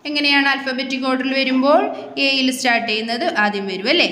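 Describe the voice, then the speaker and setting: A woman, teaching young pupils in a recorded online English class and drilling each word slowly, twice over. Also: high-pitched, pushed and bright. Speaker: primary school English teacher. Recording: echoey room.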